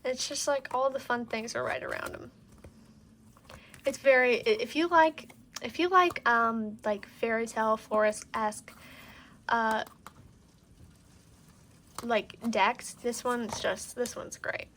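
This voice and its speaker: A woman's voice: a little high, fairly even intonation, slow, long pauses, a bit bright. A woman giving a casual, gushing, rambling show-and-tell to camera, talking in strong wind. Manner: gushing, rambling with many 'like' asides. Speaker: tarot deck collector showing cards to camera. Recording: windy outdoor-like background noise. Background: wind noise.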